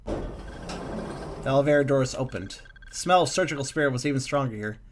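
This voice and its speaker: A man reading a text game aloud with a calm, musing delivery and small slips and asides. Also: medium pitch, moderate pace, background noise.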